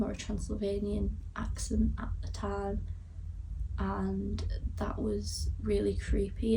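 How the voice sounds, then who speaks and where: A young woman with a Yorkshire accent gives a casual, somewhat hesitant film review to camera, her mid-range voice a little creaky. She's recorded from a distance, so the mic picks up faint background noise.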